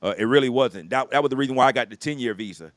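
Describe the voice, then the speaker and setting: A man's voice: mid-range voice, animated, very fast, no echo. A man hosting a casual chat in an easygoing way, often affirming his guests. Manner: easygoing, affirming with frequent yeahs. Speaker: host.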